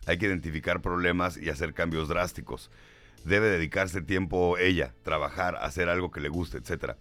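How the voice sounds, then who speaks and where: A man's voice: low-pitched, moderate pace, fairly bright tone. Middle-aged Mexican man talk host. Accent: Mexican Spanish. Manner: emphatic, reads listener messages aloud. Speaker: radio show host. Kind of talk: casual talk show chat, reading listener comments.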